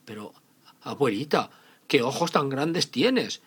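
A man's voice: mid-range voice, big pitch swings, slow pace, fairly bright tone, slightly rough, pitched above the performer's own voice, exaggerated voice. A man voicing a sweet, naive little girl in a storybook tale, innocent and eager with some hesitation. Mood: puzzled, uneasy.

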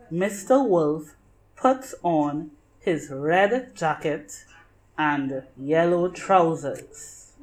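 A woman narrating a children's picture book in deliberate, simple phrases meant for young listeners. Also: on the low side, low-quality recording. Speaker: storybook reader.

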